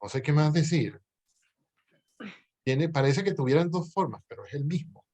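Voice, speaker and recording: A male language professor explaining grammar to his students, patient and thinking aloud, with pauses and self-corrections. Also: on the high side, animated, warm tone.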